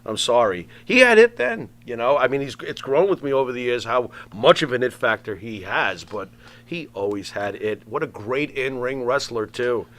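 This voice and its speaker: A man's voice: mid-range voice, animated, moderate pace, fairly bright tone. A man chatting casually as a talk show co-host, emphatic and repeating words for effect.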